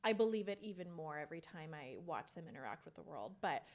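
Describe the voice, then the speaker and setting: A woman's voice: sits low, big pitch swings, fast talker, darkish tone. A young woman and mother, a podcast guest, telling personal stories candidly and often veering off topic. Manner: candid, rambling storyteller who veers off topic. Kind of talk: casual chat.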